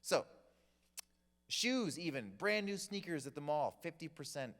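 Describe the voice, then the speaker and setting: A man's voice: on the high side, measured pace. A man teaching a class to a group in a church hall, telling stories with humor and acting out the people in them. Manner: animated storyteller, acts out quoted people. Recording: long hall reverb.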